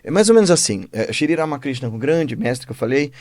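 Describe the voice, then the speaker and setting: A man with a Brazilian accent, a philosopher and podcast guest who explains ideas with the lively manner of an animated storyteller. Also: mid-range voice, fairly quick, no echo.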